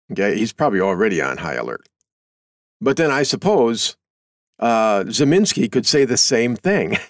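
A man's voice: medium pitch, no room sound, studio quality. A middle-aged man hosting a show, reading a news article aloud and commenting on it in a folksy, conversational way. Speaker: host.

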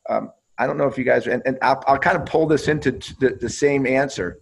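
A man's voice: medium pitch, a little fast, creaky, a little hiss or hum, low-quality recording. A man who played pro hockey, telling stories in a casual interview and swearing freely, often repeating and restarting his words.

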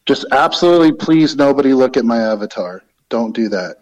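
A man's voice: mid-range voice, lively intonation, a little fast. A man in casual, joking chat as a radio show guest, calling in from a living room full of reverb. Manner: joking, playful. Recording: echoey reverberant room, off mic.

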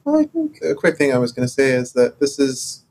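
A man from Morocco co-hosting a casual podcast discussion, talking in halting stops and starts with many fillers. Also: mid-range voice, wildly swooping pitch, a little mellow. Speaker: podcast co-host.

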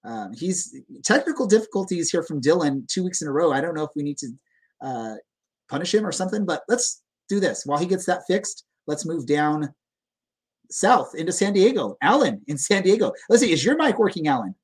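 Male podcast host, informal and rambling, rough-edged husky tone, a bit higher than average. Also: very animated, brisk. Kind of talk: casual soccer podcast hosting.

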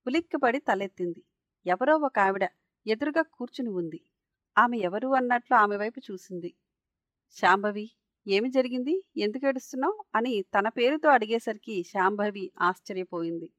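A woman's voice: medium pitch, animated, moderate pace, dry recording. Woman storyteller, earnest emotive narration, dry close recording.

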